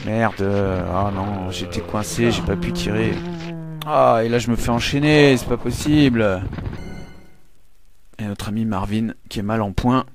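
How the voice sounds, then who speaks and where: A man giving casual, excitable play-by-play commentary on a live game stream, swearing and laughing often. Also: on the low side, unhurried. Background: game music.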